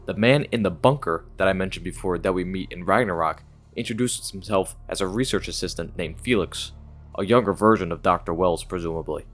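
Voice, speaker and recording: Deep-voiced man narrating a game retrospective. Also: a little fast, a bit bright, soft background music. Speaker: gaming video host.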